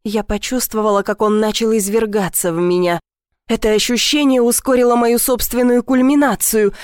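A woman narrating a first-person romance audiobook in a soft, measured reading. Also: mid-range voice, no echo, studio quality.

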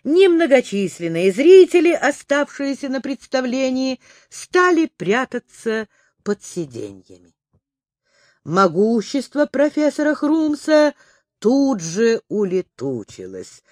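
Man narrator for a children's audiobook, slow and lively, dry close recording. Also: very high-pitched, no room sound. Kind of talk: expressive children's book narration.

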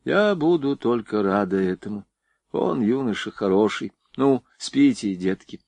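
A man's voice: lowish voice, animated, measured pace, no room sound. A man voicing a proper, mildly stern mother. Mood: gentle, stern. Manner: gentle but reproachful.

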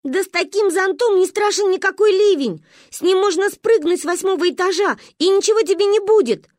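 A shrill excitable little girl. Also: measured pace, dry recording, clean studio sound, full character voice. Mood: insistent. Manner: shrill, wailing when upset.

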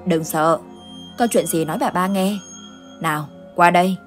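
A woman's voice: fairly low pitch, moderate pace, soft background music, close to an everyday voice. A woman voicing a stern old village woman who gives firm, curt orders in a ghost story.

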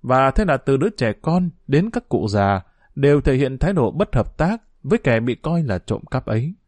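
A man reading a short story aloud as narrator, in an expressive storytelling manner. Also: mid-range voice, normal speed, no room sound.

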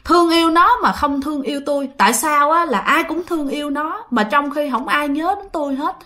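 Woman doing a vengeful infant boy ghost, sobbing, accusing, high-pitched, bright. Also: a little fast. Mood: bitter wailing.

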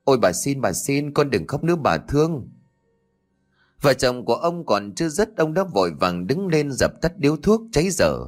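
A man narrating a ghost story in a dramatic, expressive storytelling manner. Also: lowish voice.

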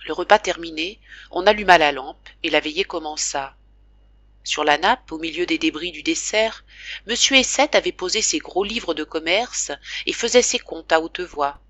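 Recorded close and dry with no room sound, a woman with a fairly low-pitched yet bright, ringing voice reads a classic novel as an audiobook narrator. She goes slowly, giving the text emotional, dramatic weight.

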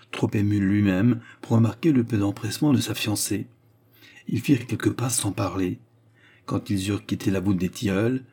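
Low, dark, husky-voiced male narrator. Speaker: audiobook narrator. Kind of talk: scripted narration of a novel.

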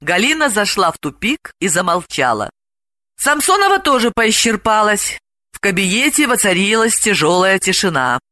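A woman narrating an audiobook in a lively, expressive way. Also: mid-range voice, normal speed, no room sound.

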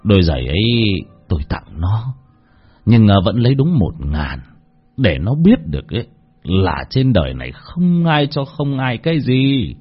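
A man voicing a kindly old male shoe seller who speaks softly and haltingly in a storybook tale. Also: fairly low pitch, big pitch swings, slightly rough, highs cut off, exaggerated voice. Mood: tender. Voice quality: soft, halting, slow.

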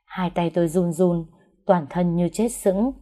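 Soft-toned woman narrating an emotional story. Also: fairly low pitch, a little slow. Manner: emotional first-person storytelling, sobbing pleas in quoted lines.

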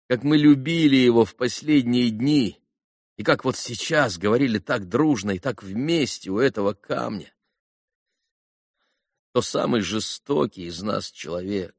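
A man's voice: fairly low pitch, no echo, clean studio sound. A man reading an earnest young speaker. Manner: earnest, heartfelt oration. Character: earnest young man addressing boys at a graveside. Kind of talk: audiobook reading.

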